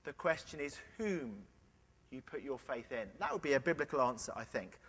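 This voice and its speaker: A man preaching a sermon, earnest, with playful illustrations and quiet emphasis. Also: medium pitch, animated, normal speed, slightly rough. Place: large church. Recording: long church reverb.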